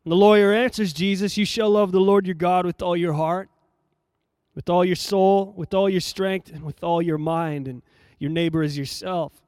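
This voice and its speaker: A man with a high, smooth and resonant voice delivers a sermon, reading scripture and dwelling on it. He speaks in a measured, emphatic way and repeats key phrases for effect. The sound is dry and close. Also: steady tone, a little mellow, no echo. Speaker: preacher.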